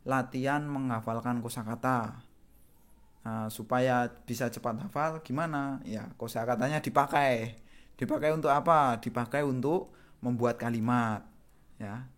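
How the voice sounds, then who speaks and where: An Indonesian-accented man explains grammar at a steady pace, with a patient and repetitive teaching manner. He circles back to each point and checks in with the learners as he goes. His pitch sits in an ordinary middle range. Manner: patient, repeats points often with "gitu ya". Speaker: Japanese language teacher.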